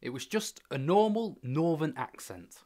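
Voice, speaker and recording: A man's voice: a little high, animated, a little slow, a little mellow. An actor playing a young man who loves vodka, narrating his own story and getting annoyed at interruptions. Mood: exasperated. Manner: exasperated storyteller, easily interrupted. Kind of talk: comic short-film acting.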